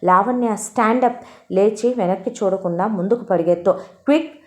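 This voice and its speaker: A woman doing a calm, quick-acting young man. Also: lowish voice, echoey room. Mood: urgent. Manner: urgent shouted commands, then reassuring.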